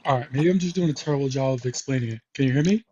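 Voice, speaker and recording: A man co-hosting who retells a story in a rambling, halting way. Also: mid-range voice, a little mellow, lo-fi sound. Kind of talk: casual storytelling.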